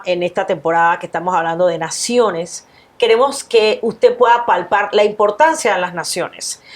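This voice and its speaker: A woman with a Panamanian accent hosting a talk show, welcoming her guest with enthusiasm and a few hesitations. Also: a little high. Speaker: host. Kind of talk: hosted talk show interview.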